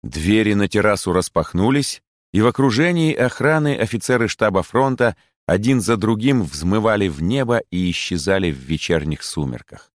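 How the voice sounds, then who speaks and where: A man narrating an audiobook story in an expressive, measured way. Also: on the low side, dry recording, studio quality.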